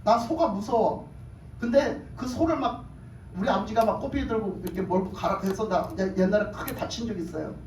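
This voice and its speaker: A pastor preaching a sermon, telling a personal story in a lively, colloquial way that flares into excitement. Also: male voice, high-pitched. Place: church sanctuary. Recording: roomy church hall, far from the mic, faint background noise.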